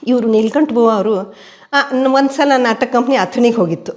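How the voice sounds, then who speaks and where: A woman's voice: fairly high pitch, moderate pace. An older woman, telling family stories at home as an interviewee. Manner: steady storyteller who voices quoted people. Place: indoors at home.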